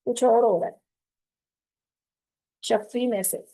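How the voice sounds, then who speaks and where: In a very slow, warm voice that sits on the high side and sounds slightly rough, a woman with a Pakistani Urdu accent leads an online tajweed lesson for women students. She patiently explains Quran recitation rules and asks them questions. The recording is rough.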